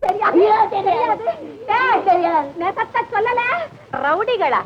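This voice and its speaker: An actress playing a bold, sharp-tongued newly married village wife, in 1970s film comedy dialogue. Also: female voice, extremely high pitch, animated. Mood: scolding. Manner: bold, teasing, fast comebacks, shouts. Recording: dull hissy old film soundtrack.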